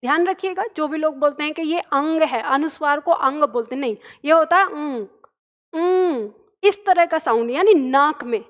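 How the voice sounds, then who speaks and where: Woman teacher, very high voice, emphatic online lesson, models each sound. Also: a little fast, hardly any pauses. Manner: emphatic, explains step by step, models sounds aloud. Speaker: Hindi grammar teacher.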